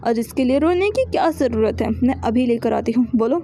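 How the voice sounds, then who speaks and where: A woman narrating an audio story, voicing a patient young woman who comforts her partner softly. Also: fairly high pitch, lively intonation, brisk. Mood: tender. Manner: soothing, gentle. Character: patient loving young woman, calm and tender.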